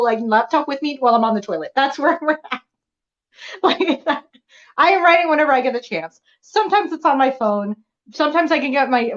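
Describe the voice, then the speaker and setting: A young woman guest on a video call speaks in a wry, candid, joking way. Her voice is a little high. The audio is dull and lo-fi, like a muffled call line. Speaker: guest author. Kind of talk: casual interview chat.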